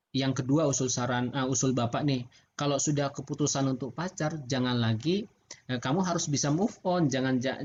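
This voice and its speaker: Middle-aged male lecturer, Indonesian accent, relaxed chatty feedback, muffled video-call sound. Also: mid-range voice. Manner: relaxed, chatty, laughs often. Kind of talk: online class feedback. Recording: muffled video-call audio with faint background noise.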